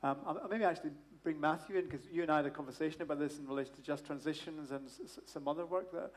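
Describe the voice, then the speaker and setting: Middle-aged male moderator, slightly higher voice, conversational questions. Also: rapid-fire. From Scotland. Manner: conversational, asks long framing questions. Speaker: panel moderator. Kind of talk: moderating a panel discussion. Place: stage in a large hall. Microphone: handheld mic.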